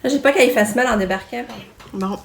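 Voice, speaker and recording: A woman's voice: on the high side, fairly quick, slight background noise. A young woman with a Quebec French accent, casually narrating a home vlog and chatting with her toddler. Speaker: mother vlogger. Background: background music.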